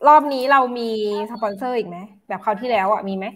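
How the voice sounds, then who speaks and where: A woman's voice: on the high side, fast. A woman co-hosting a casual live stream in an informal, conversational way. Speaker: co-host.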